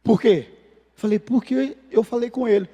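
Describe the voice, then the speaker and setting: A man preaching in a church, speaking with a Brazilian Portuguese accent. His voice sits high for a man, and he acts out the people in his story with lively shifts. The sound has a long reverb from the sanctuary. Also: moderate pace, husky, highs cut off. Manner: animated, acts out voices in anecdotes. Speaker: pastor. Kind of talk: sermon with storytelling.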